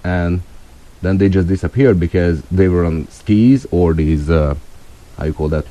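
A man from Hungary with a Hungarian accent, a firearms expert guest on a call-in show, speaking halting English and searching for words. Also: low voice, steady tone, warm tone.

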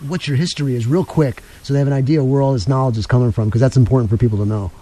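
Fast-talking male radio host, dark voice. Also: mid-range voice, fairly even intonation, slight background noise. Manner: fast, chatty, rambling. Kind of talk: call-in radio show.

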